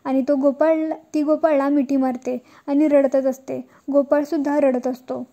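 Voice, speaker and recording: A woman retells a TV serial episode as a story, in a steady manner. Her voice sits high and mellow, and she keeps the line flat with little rise and fall. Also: normal speed. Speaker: serial recap narrator. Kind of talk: storytelling recap.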